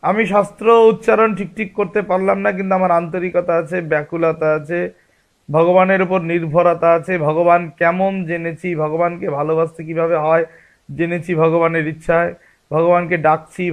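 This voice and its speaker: High gravelly-voiced male teacher. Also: fairly even intonation, normal speed. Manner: explanatory, rhetorical questions. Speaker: religious teacher. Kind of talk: spiritual discourse.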